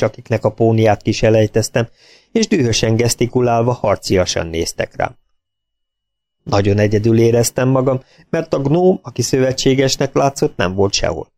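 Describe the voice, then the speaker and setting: Gravelly guy narrating an audiobook, first person, steady. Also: medium pitch.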